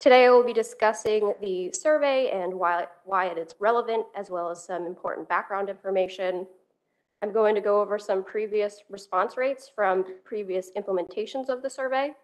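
A woman's voice: mid-range voice, normal speed. A woman economist giving a formal presentation at a council meeting, speaking steadily into a table microphone. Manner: steady, explanatory, occasional self-repeats.

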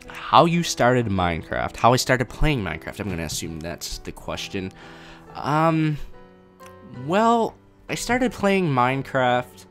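Faint game music sits under a young man's mid-range, fairly bright voice as he casually handles viewer questions about his game mod on a live stream. He reads chat questions out loud and rambles somewhat.

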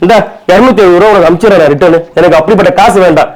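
A man's voice: sits high, racing, darkish tone, poor audio. A man with a Chennai Tamil accent in a bickering comedy skit, talking colloquially and argumentatively and often repeating himself.

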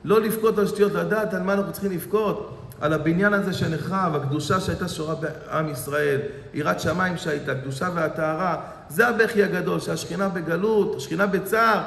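A man preaching as a rabbi delivers a sermon, telling a parable dramatically with lots of repetition. His high voice has vocal fry and a slightly bright edge, and the recording carries echoey hall reverb plus a little hiss or hum.

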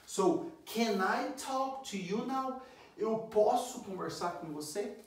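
A man's voice: sits high, lively intonation, slow, distant mic. Echoey Brazilian man teaching English. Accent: Brazilian Portuguese. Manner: drills phrases over and over, urges viewers to repeat. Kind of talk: video English lesson in Portuguese. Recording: very echoey room, voice away from mic.

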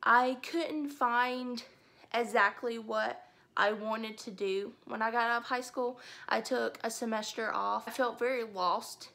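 Talking about herself to the camera in a home room full of bookshelves, an Alabama woman in her twenties who vlogs about books stays chatty, upbeat, and enthusiastic. Her voice sits on the high side, steady and unhurried, pushed and bright with vocal fry.

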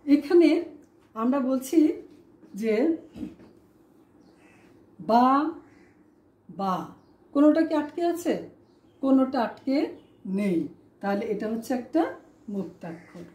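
A woman's voice: sits high, expressive, moderate pace, pauses often, mellow. A woman teacher giving a classroom lesson, asking her students rhetorical questions and spelling words out syllable by syllable. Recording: echoey room.

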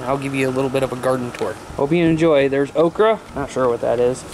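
This casual vlog features an American man in his thirties talking to camera in a medium-pitched, fast voice, relaxed and informal. He's first outdoors beside a mobile home, then in a small indoor room. Handheld camera at arm's length; outdoor noise comes through clearly.

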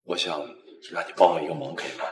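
A man's voice: low voice, fairly even intonation, quick pace, darkish tone, reverberant, a little hiss or hum, close to an everyday voice. An actor playing a cold, scheming young husband who brushes off his wife and then coaxes her for favors, in a short web drama. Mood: coaxing. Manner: dismissive to his wife, coaxing when asking favors. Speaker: callous husband.

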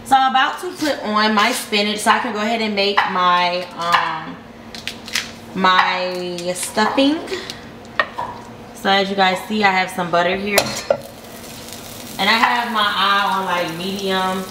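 A woman's voice: medium pitch, a little slow, pauses often. A young woman chatting casually as she walks viewers through a recipe in her home kitchen. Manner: chatty, explains each step to viewers. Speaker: cooking vlogger. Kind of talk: casual cooking demo. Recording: loud kitchen noise behind.

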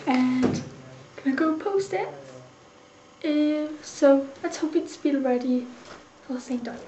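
Young female presenter, South Wales Valleys accent, high voice, homemade explainer video with echoey sound. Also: slow pace, muffled recording. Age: young adult. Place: small computer room, living room and shopping streets. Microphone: camcorder microphone a few feet away. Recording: roomy echo with clear background noise.

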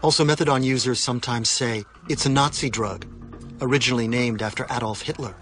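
A man giving scripted documentary narration in a measured, explanatory way. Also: mid-range voice, fairly bright tone. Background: music.

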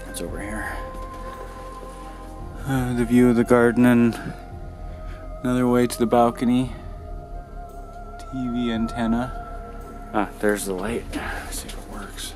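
A man with a mid-range, slightly mellow voice vlogs on a handheld camera, recorded through its built-in mic as he wanders the cluttered rooms of an empty house. He's curious, upbeat and chatty, thinking aloud with fillers while he explores and inspects an old computer, with faint music playing underneath.

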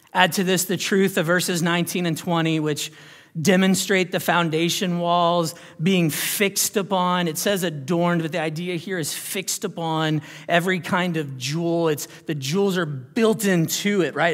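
A man whose voice is on the high side preaches as a pastor, and the recording carries a long hall reverb. Dramatic throughout, he shifts from hushed near-whispers to loud declarations, asking rhetorical questions and checking in with listeners.

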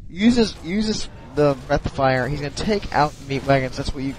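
His voice is on the high side and animated, at a moderate pace, captured in a low-quality recording. Casually commentating a strategy game replay, he's sleepy and yawning, hesitating with frequent ums and restarts.

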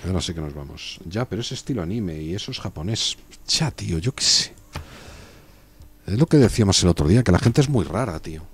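A man's voice: deep voice, lively intonation, brisk, a little hiss or hum. A young man with a Spain Spanish accent, chatting casually and joking with his chat while streaming a strategy game. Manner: joking, chatty, reads chat aloud and riffs on it.

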